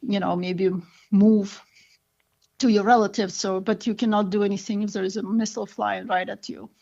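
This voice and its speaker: A woman from Ukraine, a doctor, speaking earnestly as an interview guest with many pauses and fillers. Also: mid-range voice, steady tone, gravelly, darkish tone, lo-fi sound. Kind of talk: conversational interview.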